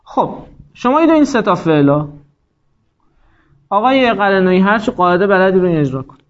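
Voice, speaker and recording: Man, teacher, high voice, patient explanations, quizzing students, dull lo-fi recording. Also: animated. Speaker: Arabic grammar teacher. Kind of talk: classroom lesson. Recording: dull lo-fi sound.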